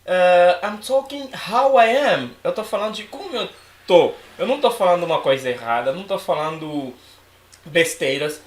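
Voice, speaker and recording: Male English teacher, high voice, lively casual delivery, echoey room. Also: normal speed. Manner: animated, switching between English and Portuguese, acts out students' lines. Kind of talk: casual online English lesson.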